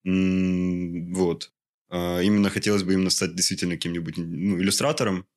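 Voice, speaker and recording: Low-voiced hesitant young man. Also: level tone, brisk, darkish tone. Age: 20s. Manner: hesitant, searching for words, many fillers. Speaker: interview guest. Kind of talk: casual interview conversation.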